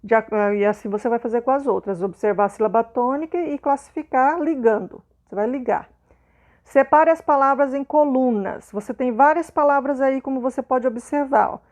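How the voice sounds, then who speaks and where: A woman's voice: sits high, moderate pace, a little mellow. A Brazilian Portuguese-speaking woman teaching a primary school lesson patiently, often checking in with her pupils. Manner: patient, repeats points, checks in with "né?" and "ok?". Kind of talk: explanatory video lesson.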